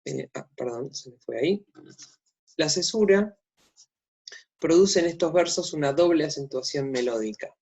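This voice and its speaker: A man's voice: fairly high pitch, expressive, moderate pace, vocal fry, long pauses, darkish tone, breathy edge. A man with an Argentine accent giving a recorded literature lecture, with many fillers and restarts. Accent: Argentine Spanish. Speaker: literature teacher. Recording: dull lo-fi sound.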